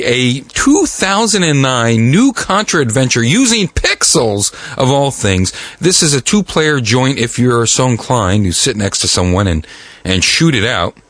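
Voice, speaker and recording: A man hosting a video game podcast, talking through a game review in a chatty, animated way. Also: mid-range voice, dry recording. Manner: zany, sing-song announcer, then chatty reviewing. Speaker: podcast host.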